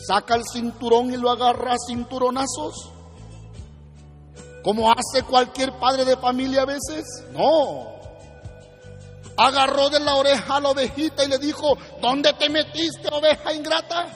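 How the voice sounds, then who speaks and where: Male preacher, animated, very high voice, long hall reverb, soft guitar behind. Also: measured pace, long pauses. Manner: animated, asks the listeners questions. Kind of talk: sermon.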